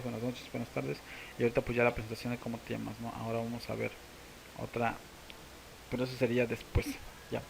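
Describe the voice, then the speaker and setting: A man with a Mexican Spanish accent, teaching a language casually to camera and slowly repeating words for practice. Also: mid-range voice, creaky, slight background noise, low-quality recording.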